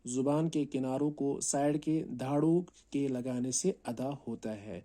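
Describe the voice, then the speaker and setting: Man teaching recitation, warm and even, paces through each letter with check-ins. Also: mid-range voice. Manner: explains slowly, then calls out each letter long and loud; often checks in with "right?". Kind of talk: teaching Arabic letter pronunciation.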